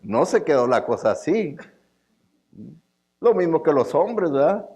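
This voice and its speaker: A man's voice: fairly high pitch, a little mellow. A man preaching a sermon in a conversational way, with joking asides, often checking in with the congregation. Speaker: pastor.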